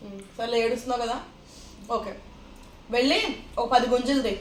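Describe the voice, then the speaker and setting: A woman's voice: a little high, a little fast. A woman in a family game vlog, firm as she hands out dares. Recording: echoey room with noise.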